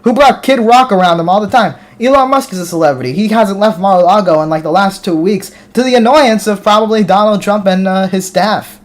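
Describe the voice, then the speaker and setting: An American man hosting a live stream reads viewer comments aloud and answers them casually, often restarting his words. His voice is high-pitched and brisk, with hardly any pauses.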